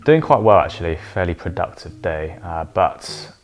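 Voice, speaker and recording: A man in his late twenties from London, chatting casually in a relaxed, rambling way with lots of fillers. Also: deep voice, normal speed, faint music behind. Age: late 20s. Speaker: vlogger. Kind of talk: casual chat.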